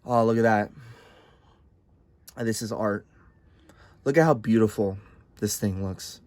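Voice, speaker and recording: A man voicing God as a grandiose, easily flattered male deity with theatrical, pompous bursts in a comedic rant. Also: high voice, moderate pace, no echo, voice pushed up. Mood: awed.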